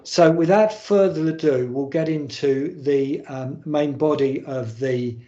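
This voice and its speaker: A man's voice: fairly high pitch, unhurried, dark tone. A man chairing a formal board meeting on a video call, speaking with frequent hesitant ums. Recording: muffled, roomy video call audio.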